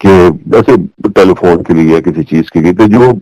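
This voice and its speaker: A man's voice: deep voice, normal speed, no room sound, highs cut off. An older man, a former newsreader from Pakistan, telling stories from his broadcasting days in an easygoing interview. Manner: relaxed storyteller, acts out remembered lines. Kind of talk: reminiscing interview talk. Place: living in the United States.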